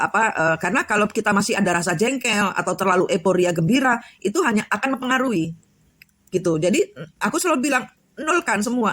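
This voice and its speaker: A woman's voice: medium pitch, fairly bright tone, no echo. A woman giving a spiritual coaching talk, rambling with many fillers and restarts. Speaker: tarot reader and spiritual coach. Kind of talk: casual spiritual chat.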